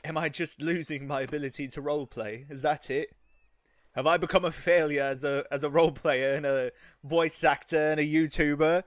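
A man's voice: on the high side, fairly even intonation, normal speed, no echo. A man giving casual, informal gameplay commentary, sweary and self-deprecating. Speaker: YouTuber, game streamer.

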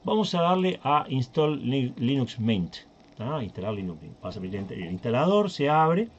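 A man's voice: medium pitch, very animated, moderate pace, dull audio, a little hiss or hum. A Uruguayan man hosting a tech channel, talking casually through a screen recording and thinking aloud with many fillers and restarts. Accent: Uruguayan Spanish.

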